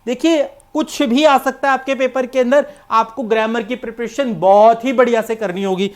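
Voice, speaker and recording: A woman's voice: on the high side, normal speed. A woman with an Indian accent giving an exam-prep English grammar lecture, explaining step by step and mixing English terms into Hindi. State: coughing, needs water. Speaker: English teacher.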